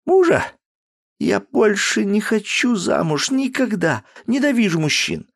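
A man's voice: high-pitched, wildly swooping pitch, moderate pace, slightly rough, no echo, clean studio sound, pitched above the performer's own voice, heavily acted. A male narrator voicing a tearful, stubborn young woman who refuses to open her door. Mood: bitter. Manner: crying, shouting through a door.

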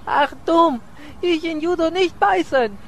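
An actor playing an excitable gardener who speaks broken German and shouts in a radio play. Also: male voice, very high voice, unhurried, gravelly, slight background noise, exaggerated voice. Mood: agitated.

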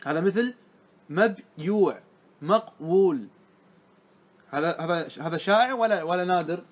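High-pitched male teacher leading a classroom grammar lesson, patient step-by-step explanations, stretches out key words. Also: moderate pace. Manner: explains step by step, often checking understanding with the class.

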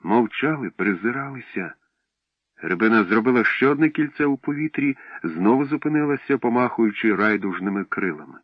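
A man narrating an audiobook in a measured, unhurried way. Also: mid-range voice, expressive, no echo. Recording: dull dry recording.

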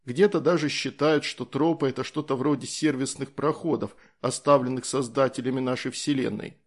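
A man voicing a calm, easygoing soldier in an audiobook, explaining things in a matter-of-fact way. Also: mid-range voice, moderate pace, natural voice.

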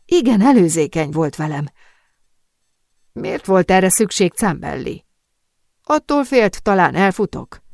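Woman reading a gentle young fiancé. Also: lowish voice, sing-song, long pauses, no echo, clean studio sound. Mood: reassuring. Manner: tender, gentle, soon sharp. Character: chained young man, gentle, devoted fiancé.

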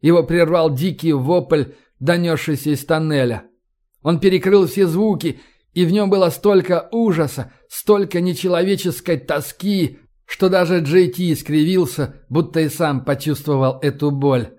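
A man narrating an audiobook in a steady, measured reading voice. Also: on the high side.

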